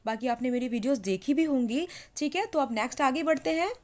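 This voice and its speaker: High-voiced woman spelling out words. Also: darkish tone. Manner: repeats words and keeps saying "theek hai"; spells words out slowly letter by letter. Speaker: English teacher. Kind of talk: chatty classroom-style lesson.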